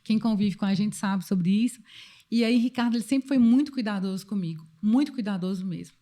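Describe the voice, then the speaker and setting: A woman in her thirties, a podcast guest, telling a personal story in casual chat with an expressive manner. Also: medium pitch, a little fast.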